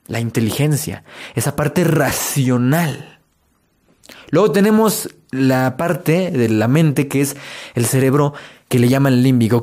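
A man's voice: mid-range voice, a little mellow. Man giving an emphatic motivational talk. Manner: repetitive, rhetorical questions, addresses the listener directly. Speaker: motivational speaker.

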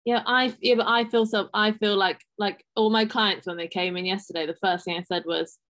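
A woman's voice: mid-range voice, fairly even intonation, normal speed, fairly bright tone. Woman host with a slight lisp. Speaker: podcast co-host and fitness coach. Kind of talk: casual podcast chat.

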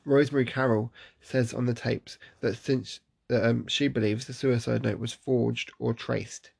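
A man's voice: mid-range voice, steady tone, normal speed, gravelly, a little mellow, husky. A man hosting a casual solo podcast in a groggy morning voice, chatty and self-deprecating, laughing at himself. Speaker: podcast host.

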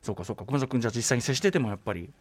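A man hosting a casual radio conversation, emphatic and often pausing to search for his words. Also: mid-range voice. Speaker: radio show host.

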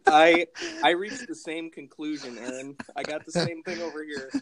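A man co-hosting a casual comedy podcast, with a deadpan, wry way of joking. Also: on the high side, moderate pace, a crowd in the background. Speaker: podcast co-host.

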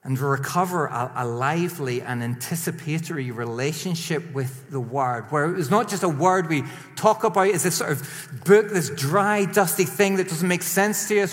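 A man preaching a sermon in a lively, emphatic way, rising to strong peaks and then dropping quiet. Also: sits high. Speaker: pastor. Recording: long hall reverb.

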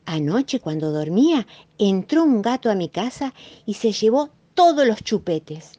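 A woman voicing an excited little girl, the narrator's best friend, with a Rioplatense accent. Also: medium pitch, unhurried. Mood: dramatic. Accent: Rioplatense Spanish. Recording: dull muffled recording.

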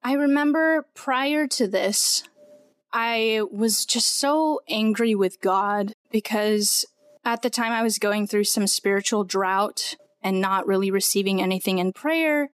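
A woman's voice: medium pitch, a little slow, clear, resonant tone, no echo. Young woman guest telling her story, lots of "like", dry close mic. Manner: earnest, storytelling, many "like" fillers. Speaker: podcast guest. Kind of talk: personal testimony in conversation.

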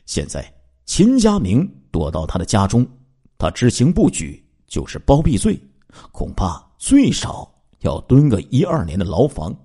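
Male true-crime storyteller, dramatic delivery, asides to listeners, husky voice, low pitch. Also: huge pitch swings, unhurried, mellow. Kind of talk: spoken true-crime narration.

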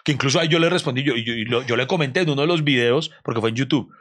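A man, a comedian, chatting casually and telling animated stories with frequent laughter. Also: medium pitch, racing. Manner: animated storytelling, laughs often. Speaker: comedian, co-host.

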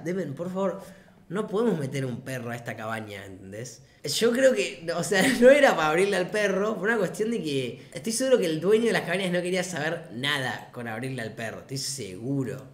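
Slangy Argentine guy in an echoey room. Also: high-pitched. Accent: Argentine Rioplatense Spanish. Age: 20s. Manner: slangy, laughs often mid-story. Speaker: vlogger. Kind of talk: casual anecdote storytelling.

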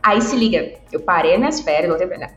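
Animated woman telling stories, roomy. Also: lowish voice, fairly quick. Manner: animated storyteller, laughs often. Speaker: podcast co-host. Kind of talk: casual chat. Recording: roomy, dull sound with faint music.

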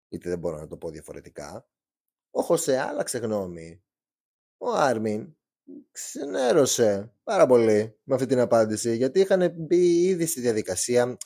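A young man narrates a true crime case in a loose, chatty way, slipping in slangy jokes as he goes. His voice is mellow and lively in pitch, recorded close and dry. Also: no echo. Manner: chatty, joking asides, slangy. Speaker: true crime podcast host. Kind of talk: casual storytelling narration.

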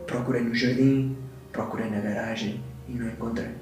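A young man with a European Portuguese accent, chatting and reading creepy tales at a brisk clip. His voice sits in the middle of the range and he teases his co-host. The room around him is very echoey. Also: medium pitch, steady tone, recorded from a distance, music in the background. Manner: teasing, rushes through his readings. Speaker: podcast co-host. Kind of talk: casual chat, reading horror stories aloud.

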